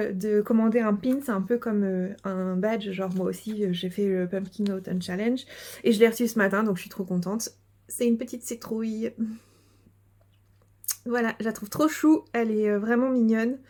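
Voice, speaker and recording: A woman's voice: mid-range voice, fairly even intonation, moderate pace, dark tone. A woman chatting casually to her viewers as a knitting and sewing podcaster, hesitant with many fillers and given to giggles. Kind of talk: casual video chat showing crafts.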